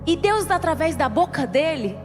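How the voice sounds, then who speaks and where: A young woman preacher with a very high voice tells an emotional testimony sermon and keeps turning to speak straight to the congregation. Her voice carries a long reverb from a large hall. Soft music plays faintly underneath. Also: big pitch swings, normal speed. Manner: emotional storytelling, addressing the congregation often.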